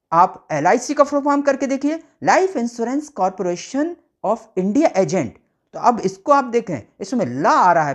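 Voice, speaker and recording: A woman teaching a grammar lesson, slowly sounding out letters and example words as she explains. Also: fairly high pitch.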